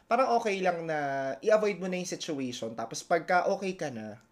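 A man's voice: high-pitched, big pitch swings, moderate pace. A man in his thirties with a Filipino accent, a teacher co-hosting a casual podcast, talking in a reflective, teasing way. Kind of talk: casual chat.

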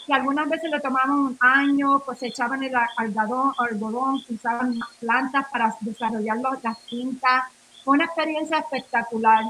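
A Nuyorican woman from New York with Puerto Rican roots talks as a radio interview guest, her high voice bright and pushed. She tells her story casually in rambling Spanish, full of fillers, restarts and English words. The recording is low quality, with slight background noise.

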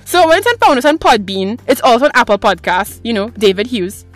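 A woman's voice: fairly high pitch, very animated, fairly quick, dry recording, soft background music. A woman in her twenties hosting her own podcast from a closet at home, talking in a chatty, rambling, self-mocking way. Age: 20s. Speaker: podcast host. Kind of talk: casual solo podcast chat. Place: small clothes closet at home.

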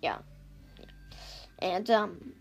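A woman's voice: mid-range voice, drawn-out words, vocal fry. A woman hosting a casual podcast, rambling chattily and cutting herself off with giggly asides, recorded on an iPad. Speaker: podcast host recapping books. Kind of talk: casual chat.

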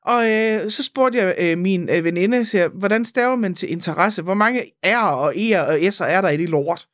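A woman co-hosting a casual podcast, venting with animated exasperation. She swears freely and her voice sits at a middling pitch. The recording is close and dry, with no room sound. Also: no room sound. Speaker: podcast co-host. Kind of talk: casual chat.

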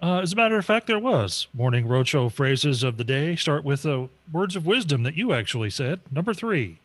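Male radio co-host, slightly higher voice, dry close sound, wry and chuckling. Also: very animated, moderate pace, no echo. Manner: chuckling, wry, reads segment lines. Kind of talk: casual morning radio banter.

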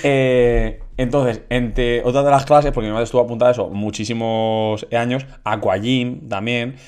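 A man from Spain, co-hosting a casual comedy podcast and telling a story with lively quoted voices. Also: medium pitch, normal speed, smooth. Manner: animated, acts out quotes of others. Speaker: podcast co-host.

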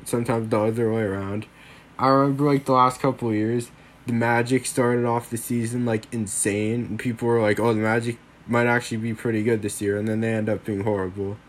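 Brisk and level in tone, a young man with a mid-range voice hosts a solo sports podcast. He rambles casually, leans on lots of fillers, and sounds a little worn since he's still getting over a cold.

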